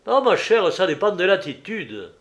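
A man reading aloud voices a jovial, expansive middle-aged southern politician who talks loudly and persuasively. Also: high voice, very animated, moderate pace, pitched above the performer's own voice, full character voice. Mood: hearty, persuasive.

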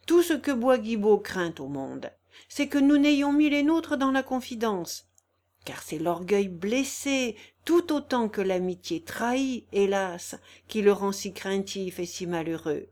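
A woman voicing a gentle, melancholy older male aristocrat who speaks low and softly in a storybook reading. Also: expressive, a little slow, close to an everyday voice. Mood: tender.

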